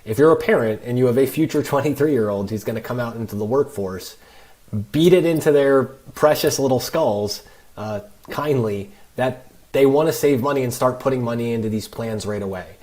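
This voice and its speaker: Podcast guest: financial advisor, man, mid-pitched voice, emphatic and explanatory. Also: normal speed, a little mellow. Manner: emphatic, explains with worked examples. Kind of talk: podcast conversation.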